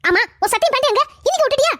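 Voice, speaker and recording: A woman's voice: very high voice, animated, rapid-fire, fairly bright tone, dry recording, studio quality. A woman playing a nagging, scolding middle-aged village wife and mother.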